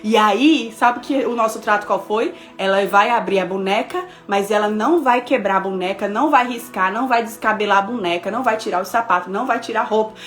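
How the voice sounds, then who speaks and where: A woman pastor in her thirties preaching a devotional message, telling a personal story with lively, expressive delivery and speaking straight to her listeners. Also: medium pitch, a little fast, few pauses, faint music behind. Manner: expressive storytelling, acting out dialogue, addressing listeners directly.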